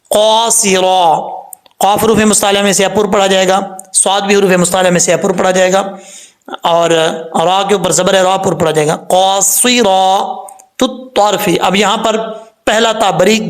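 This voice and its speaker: Teaching Quran recitation in a high-pitched voice, a middle-aged man goes step by step, breaking down each sound and fixing mistakes by saying the proper pronunciation again and again.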